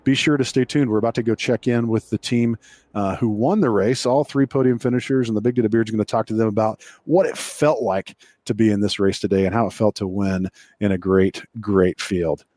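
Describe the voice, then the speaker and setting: A man's voice: on the low side, steady tone, fairly quick, darkish tone, no echo. A man hosting from the studio, wrapping up a race segment and leading to interviews. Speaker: studio host. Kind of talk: broadcast link commentary.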